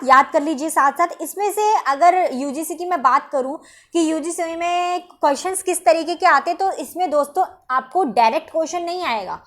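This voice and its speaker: A woman's voice: high voice, fairly bright tone. A woman teaching an exam-prep lecture. She explains step by step, keeps asking "ठीक है?", and answers her own questions.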